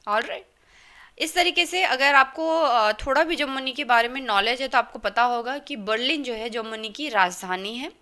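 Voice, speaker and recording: A woman's voice: a little high, normal speed, bright, forceful tone. A woman teaching German to learners in Hindi with an Indian accent, explaining step by step and often checking in with "okay?". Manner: explanatory, checks in with a frequent "okay?" and spells words letter by letter. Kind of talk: explaining a lesson in Hindi and English.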